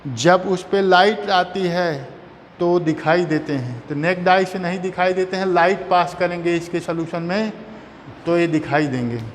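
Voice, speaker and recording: A man a high voice teaches a chemistry lesson, repeating each term and asking his students questions he then answers himself. His voice rings out a long reverb, and a faint hum of noise sits underneath. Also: moderate pace. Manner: repetitive, asks and answers own questions. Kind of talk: classroom lecture.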